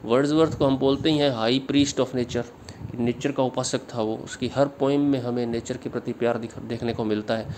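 Indian male tutor, mid-pitched voice, slow bilingual explanation, faint hiss behind. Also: steady tone, darkish tone. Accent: Indian English. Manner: reads English lines slowly, then explains them in Hindi. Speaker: literature teacher. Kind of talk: exam-prep lecture.

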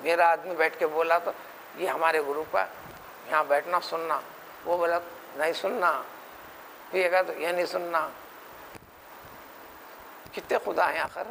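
A man's voice: a little high, steady tone, measured pace, creaky, long pauses, sharp tone, a little hiss or hum, low-quality recording. A man giving a religious lecture with a Hyderabadi accent, teaching in an emphatic, rhetorical way and often mimicking other people's words. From India. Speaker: Quran scholar.

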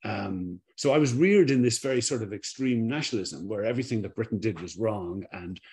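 A middle-aged Irish documentary director speaks on a video call over a webcam mic from a home room lined with bookshelves. His voice is fairly low, warm, and brisk. He answers reflectively, repeating words while he searches for the right ones.

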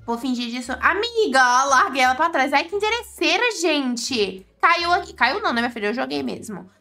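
Brazilian woman hosting a gaming channel, high bright voice, chatty and exclaiming, faint music under her. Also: animated, normal speed. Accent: Brazilian Portuguese. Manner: chatty, exclaiming, talks to viewers. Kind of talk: casual gameplay commentary.

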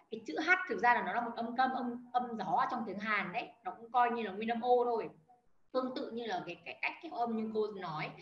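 Teaching beginners a language online, a woman explains step by step over a video call and calls on her students by name. Her voice is a little high and a bit bright, captured in echoey, dull lo-fi audio with a faint noise floor.

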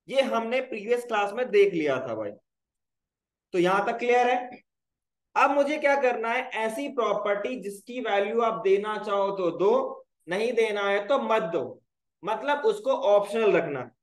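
This rough recording captures a high-voiced man teaching programming live in a roomy-sounding space. He breaks everything into steps and keeps checking on his class with a repeated "clear, brother?"

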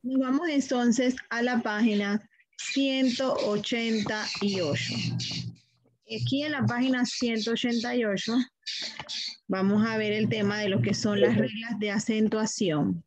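High-voiced woman teaching a class. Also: steady tone, unhurried, rough recording. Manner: didactic, asks questions then answers them herself. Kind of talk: classroom grammar lesson.

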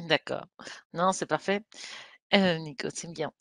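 A woman in her thirties who lives in Mexico hosts an informal video call panel and introduces the guests. Her lowish voice is slow-paced with a fairly bright tone, recorded at studio quality with no room sound.

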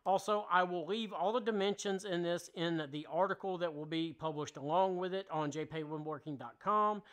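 A man in his thirties talks through a woodworking tutorial in a casual, plainspoken way, with a slightly raised pitch for his sex. He explains each step as he goes, from inside his home workshop. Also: moderate pace, fairly bright tone. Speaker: woodworking channel host. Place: home woodworking shop, indoors.

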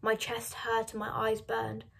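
A woman's voice: on the high side, monotone, a little slow, creaky, fairly bright tone. Woman reading a novel aloud. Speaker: reader of a novel.

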